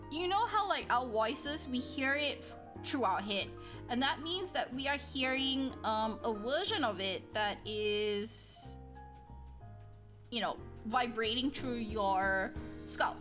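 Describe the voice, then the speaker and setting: A woman livestreams and reads her chat, talking casually with viewers while soft music plays in the background. Her voice is on the high side with lively intonation, and she takes it slowly. She rambles with lots of likes and ums and pokes fun at herself.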